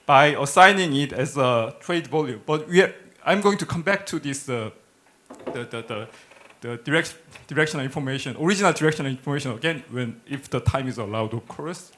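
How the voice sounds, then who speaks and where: A middle-aged man with a Korean accent gives a technical lecture in a halting manner, often repeating words as he searches for phrasing. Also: on the high side, a bit bright. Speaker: academic researcher presenting a lecture. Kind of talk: technical conference lecture with slides. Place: indoor lecture hall, speaking at a podium.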